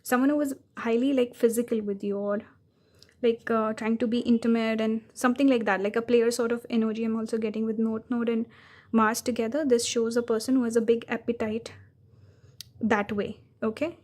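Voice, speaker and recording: A woman's voice: fairly high pitch, fairly even intonation, a little fast, a little mellow. A woman giving a pick-a-card tarot reading, talking casually with frequent fillers and self-corrections. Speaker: tarot reader.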